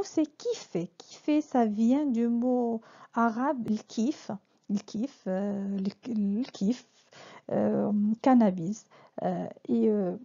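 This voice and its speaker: A woman from Morocco teaching a French lesson in a soft, mellow voice that sits a little high. She explains each word with hesitant pauses and fillers. The sound is dull and lo-fi. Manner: hesitant, many fillers and restarts.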